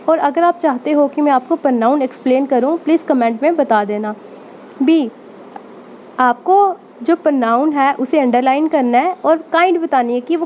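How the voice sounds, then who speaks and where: A woman teacher explaining a school English lesson in Hindi, reading English sentences slowly and then explaining them. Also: high-pitched, mellow, slight background noise.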